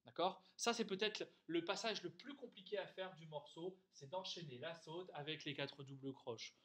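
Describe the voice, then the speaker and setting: A man's voice: on the high side, normal speed, a bit bright. A man teaching a music lesson, explaining rhythm and intervals patiently and singing syllables and note names, with a piano behind him.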